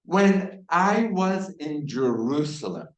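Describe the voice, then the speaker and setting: Male lecturer from Iraq, lively rhetorical delivery, roomy hall sound. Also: on the high side, slow pace. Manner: animated, rhetorical questions to audience. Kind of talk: university lecture.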